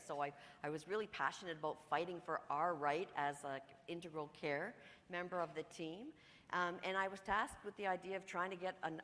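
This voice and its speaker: Low-voiced older woman, earnest. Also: fairly bright tone. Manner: earnest, reflective. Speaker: semi-retired pharmacist, panelist. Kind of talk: panel self-introduction. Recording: reverberant hall.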